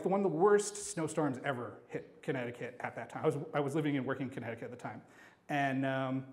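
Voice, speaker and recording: A man with a slightly high voice tells a funny personal anecdote live at a storytelling event, rambling and animated as he acts out bits of dialogue.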